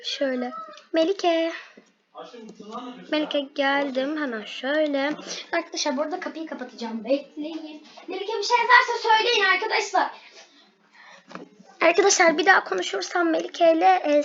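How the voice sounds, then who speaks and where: A young girl with a very high, bright voice chats excitedly and giggles while playing a game at home. Her voice is a little hoarse from talking loudly. The recording sounds dull and lo-fi. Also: normal speed. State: losing her voice. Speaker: gaming vlogger. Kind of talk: excited gameplay chat.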